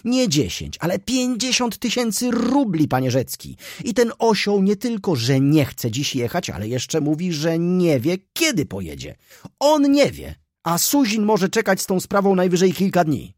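A man voicing an excitable, pushy young male shop clerk in an audiobook, talking in a breathless, indignant way. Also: high-pitched, normal speed, hardly any pauses, no echo, studio quality, voice pushed up.

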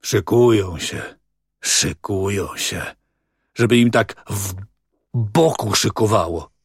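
A man's voice: mid-range voice, takes it slowly, vocal fry, dry recording, clean studio sound. A man reading as a tearful, whining man. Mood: lamenting. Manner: sobbing, pleading, monotonous.

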